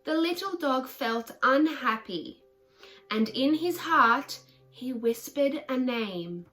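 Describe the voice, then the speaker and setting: A woman reads a picture book to children. Her voice is bright and fairly high, and she takes her time. She speaks simply and directly to her young audience, with faint music around her. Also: expressive, slow pace. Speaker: children's storyteller.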